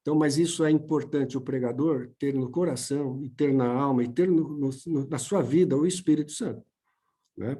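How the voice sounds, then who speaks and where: A man's voice: mid-range voice, moderate pace, warm tone, slightly rough. A man with a Brazilian Portuguese accent giving a church seminar lesson on preaching, in a plain, patient teaching manner. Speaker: homiletics teacher.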